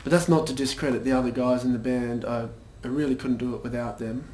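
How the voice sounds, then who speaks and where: A man's voice: mid-range voice, fairly even intonation, fast talker, a little mellow, natural voice. A young man playing a vain, pompous band frontman in a mockumentary interview, hesitant and full of fillers. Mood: smug. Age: young adult. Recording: echoey room with faint noise.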